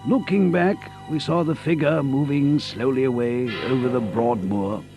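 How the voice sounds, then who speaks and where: An actor playing an earnest, loyal gentleman doctor in an audio drama, proper and easily astonished. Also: mid-range voice, moderate pace, music in the background, natural voice. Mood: sombre narration. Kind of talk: audio drama acting and narration.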